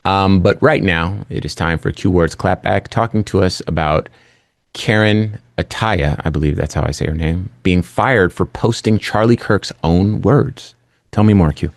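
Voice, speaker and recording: A man's voice: sits low, normal speed, dry recording. A man hosting a talk show from a studio in a conversational radio style, introducing segments. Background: music.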